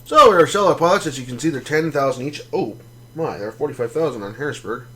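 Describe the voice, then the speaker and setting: A fast-talking man with a mid-range voice gives casual commentary on a space game he's streaming. He explains things in a relaxed, meandering way with lots of ums and false starts.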